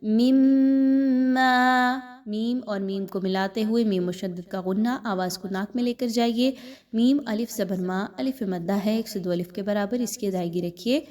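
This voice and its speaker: A woman teaching a Quran recitation lesson, patiently explaining each letter's rules and reciting phrases slowly. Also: mid-range voice, dark tone. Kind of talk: tajweed lesson with slow chanted recitation.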